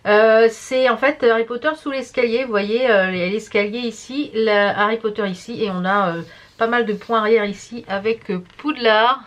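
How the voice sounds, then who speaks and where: A woman's voice: on the high side, steady tone, normal speed, a bit bright, dull audio. A tired woman chatting casually to camera as a vlogger, rambling and stumbling over her words. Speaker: beauty and embroidery vlogger.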